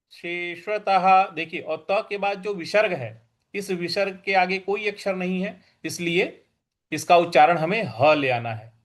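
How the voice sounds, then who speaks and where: A man teaching Sanskrit verse recitation, saying each word slowly and repeating it before explaining how to pronounce it. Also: sits high. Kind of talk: slow syllable-by-syllable recitation lesson.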